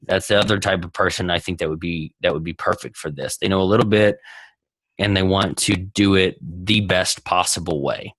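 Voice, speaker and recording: Texan male entrepreneur guest, low-ish voice, dry close sound, rambling, upbeat. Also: fairly even intonation, moderate pace, a bit bright, no room sound, low-quality recording. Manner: rambling, enthusiastic, lots of restarts. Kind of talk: casual interview over video call.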